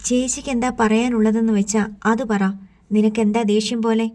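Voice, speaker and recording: A woman's voice: fairly high pitch, flat delivery, brisk, a little mellow, close to an everyday voice. A woman voicing an irritable young man, woken from sleep, who answers in short, sulky replies. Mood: curt.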